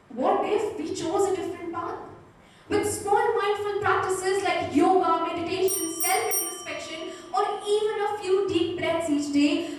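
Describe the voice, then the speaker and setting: Teenage girl, high voice, precise deliberate declamation, emphatic pauses, very echoey distant recording. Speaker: school declamation contestant. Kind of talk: rehearsed competitive speech. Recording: echoey hall, distant mic, faint noise.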